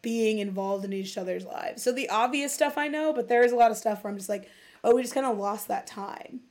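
A woman's voice: fairly high pitch, a little fast. A woman in her late twenties hosting a casual chat, talking with lots of "like" and acting out quotes. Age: late 20s. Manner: chatty, fillers of "like", animated quoting. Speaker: host.

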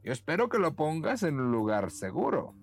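A man voicing an old peasant father in a bedtime story, loudly and theatrically playing along. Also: fairly high pitch, wildly swooping pitch, normal speed, vocal fry, voice pushed up, exaggerated voice. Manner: exaggerated, theatrical. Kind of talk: storybook character voice.

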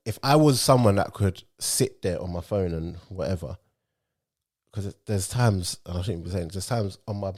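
A man's voice: low voice, normal speed, darkish tone. A man with a London roadman accent hosting a slangy, casual podcast chat, speaking emphatically and encouragingly and often repeating himself. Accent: London roadman, multicultural urban London. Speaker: podcast host.

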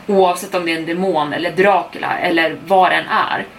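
A young adult woman narrates a first-person horror tale in steady storytelling mode. Her voice sits on the lower side, and she picks up speed through the tense stretches. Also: a little hiss or hum. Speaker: podcast storyteller.

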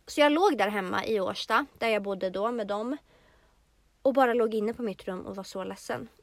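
A young Swedish woman co-hosting a podcast tells a personal story in casual conversation. Her medium-pitched voice carries no echo, and she recounts things earnestly, slowly and reflectively.

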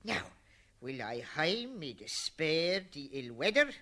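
Brief: a man as aged Noah, grumbling, high bright tone, verse-play delivery. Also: very animated, slow, heavily acted. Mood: weary. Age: older. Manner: declaiming verse, grumbling then shouting. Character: weary old man Noah, bossy husband. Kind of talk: old-style verse play.

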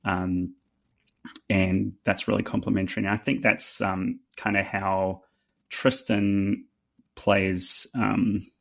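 Casting: New Zealand-accented male musician guest, low gravelly voice, hesitant chatty delivery. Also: level tone, a bit bright. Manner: halting, many fillers and restarts. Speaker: fiddle player guest. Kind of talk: casual interview chat.

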